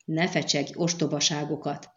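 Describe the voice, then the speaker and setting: A woman's voice: deep voice, little pitch movement, fairly bright tone, muffled recording. A woman voicing a fierce, hot-tempered young sorceress who scolds sharply, in an audiobook reading. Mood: scolding.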